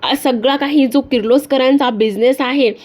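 Brief: woman voicing a defiant young schemer, mocking, slightly high voice. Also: moderate pace, a little mellow. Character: scheming young woman grabbing family wealth.

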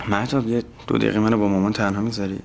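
An actor playing an earnest, caring young man talking things through with his mother, in a gentle, pleading way. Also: lowish voice, flat delivery, gravelly, slight background noise. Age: young adult. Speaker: eldest son. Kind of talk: TV drama acting.

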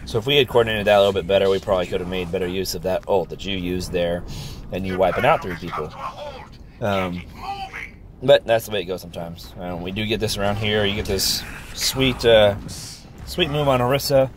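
A man with a fairly low voice talks through a friend's match in an easygoing, encouraging way. He is sick, and his voice sounds worn, with lots of ums as he goes. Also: fairly even intonation, fast talker, slight background noise. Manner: easygoing, upbeat, many ums. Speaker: gameplay reviewer. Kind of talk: casual gameplay commentary.

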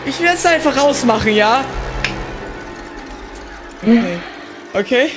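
A man with a German accent doing excitable, slang-heavy let's-play commentary and talking to his viewers. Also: very high voice, slow pace, soft background music. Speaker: gaming youtuber.

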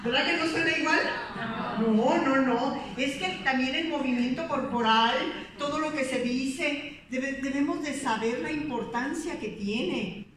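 A woman's voice: high voice, a little slow, a crowd in the background. A woman giving a playful motivational talk to a meeting, teasing her audience with questions. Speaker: motivational speaker. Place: meeting hall. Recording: echoey hall recording from far off.

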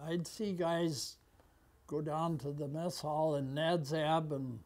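An American man in his nineties with an aged voice, recounting memories conversationally and haltingly, with long pauses. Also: a little high, steady tone, a little mellow. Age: 90s. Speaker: war veteran being interviewed. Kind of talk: conversational reminiscence. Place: small office, indoors. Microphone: lapel mic.

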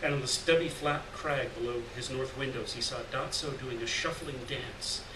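A middle-aged man with a medium-pitched voice stands at a lectern in a gallery room, giving a live, scripted reading of short literary fiction. The room is noisy, and the recording sounds roomy and distant.

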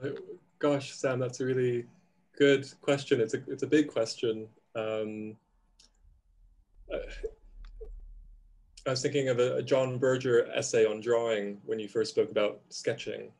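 A man's voice: medium pitch, fairly even intonation, measured pace, pauses often, a little mellow. A man in his thirties, who grew up in Indonesia, speaking on a video call from a home room, thoughtful and hesitant with restarts. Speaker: panel speaker. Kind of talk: reflective conversation.

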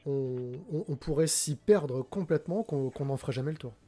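A man in his forties hosts a casual live stream from a room at home, talking into a headset mic. His mid-range voice is mellow and moderately paced, but he's hesitant, full of fillers and restarts.

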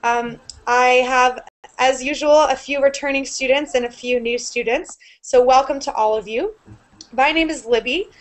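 A young woman teaching an online English class over a video call with earbuds, explaining clearly and upbeat. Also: high voice, fairly even intonation, moderate pace. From United States. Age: young adult. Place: small room indoors. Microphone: earbud headset on a video call.

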